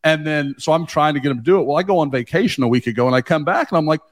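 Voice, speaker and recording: Animated rambling man, dry sound. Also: on the high side, very fast, no room sound. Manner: animated, rambling, swears casually. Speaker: guest, team beat writer. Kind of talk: casual podcast chat.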